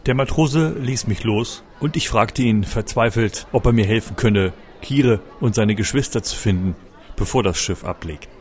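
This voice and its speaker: Low-voiced male audiobook narrator. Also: moderate pace. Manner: expressive, urgent storytelling. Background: faint music.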